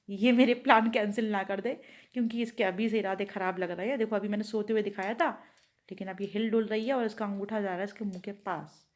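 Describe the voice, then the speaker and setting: A woman vlogging casually at home, thinking aloud and rambling to her viewers. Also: medium pitch. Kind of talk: casual chatty home vlog.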